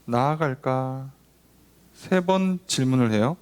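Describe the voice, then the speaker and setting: A man's voice: medium pitch, sing-song, fairly quick. A male pastor leading a Bible study. He talks with the congregation in a conversational way, asks them questions and acts out quoted dialogue. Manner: acts out quoted dialogue between God and people.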